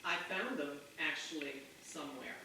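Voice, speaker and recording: An older woman with a low voice chats casually at a normal pace, explaining things as she shows visitors around her own home. She is inside the house, away from the mic, and the recording is distant, very echoey, and picks up a noisy room.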